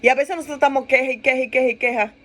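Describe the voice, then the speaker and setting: Woman pastor, fairly high voice, lively sermon delivery with repeated emphatic phrases. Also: very fast. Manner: animated preaching, laughs and acts out quoted complaints; repeats phrases for emphasis, asks listeners "¿verdad?".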